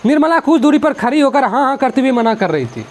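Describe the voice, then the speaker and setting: Very high-voiced male teacher. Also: very animated, fast, a little hiss or hum. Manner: chatty, repetitive, mixes in English words. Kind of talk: explaining a school literature chapter.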